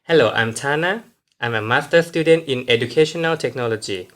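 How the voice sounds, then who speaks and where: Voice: medium pitch, fairly quick, a bit bright. A young student from Thailand on a podcast, speaking plainly from prepared remarks. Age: young adult. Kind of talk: scripted podcast talk.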